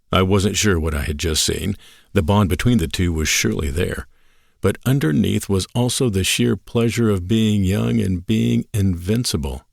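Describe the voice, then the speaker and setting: A man narrating a written story expressively, in measured, dramatic short phrases. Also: low-pitched, vocal fry, a little mellow, dry recording, clean studio sound.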